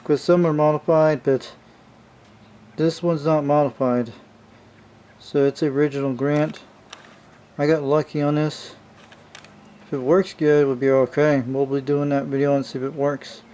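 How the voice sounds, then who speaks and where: A man with a fairly high but dark voice keeps a level tone and measured pace, leaving long pauses. As a radio hobbyist, he rambles casually through a hands-on look at a vintage CB radio for "you guys." The recording is a noisy home video.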